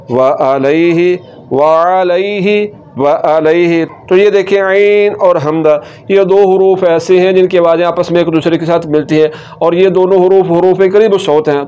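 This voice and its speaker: High, smooth-voiced male tajweed teacher. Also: darkish tone, dull audio. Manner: explains letter sounds step by step, repeating words slowly. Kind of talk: Quran recitation lesson.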